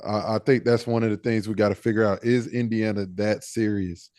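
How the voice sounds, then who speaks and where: A man's voice: on the low side, steady tone, brisk, a little mellow, no room sound, studio quality. A man co-hosting a podcast, talking basketball in a laid-back way and thinking aloud with fillers. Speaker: podcast co-host. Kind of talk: casual sports talk.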